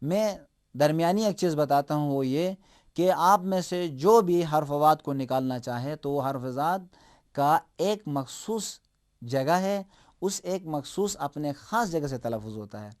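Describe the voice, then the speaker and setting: A man gives a tajweed lesson in a somewhat raised voice. He explains steadily, then stretches example words out slowly and loudly so learners can copy them. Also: a little high, lively intonation. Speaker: Quran recitation teacher.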